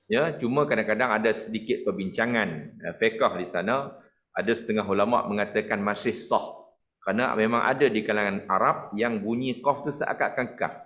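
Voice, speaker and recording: A man's voice: fairly low pitch, a bit bright. Malaysian man teaching Quran recitation. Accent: Malaysian Malay, Perak. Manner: explains patiently, then demonstrates letter sounds and chants verses slowly. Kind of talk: online tajwid lesson.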